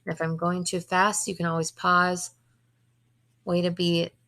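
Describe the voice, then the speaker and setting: A young woman teacher, hoarse today, talking quickly and casually through a step-by-step computer tutorial for her students. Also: on the low side, little pitch movement, sharp tone. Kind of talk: screen-recorded classroom tutorial.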